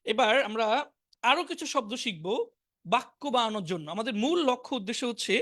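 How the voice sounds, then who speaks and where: A woman teaching a beginner English class online, reciting letters and simple words slowly and clearly for learners to repeat aloud. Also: fairly high pitch, lively intonation, fairly bright tone. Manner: slow, drilling repetition for learners to repeat aloud.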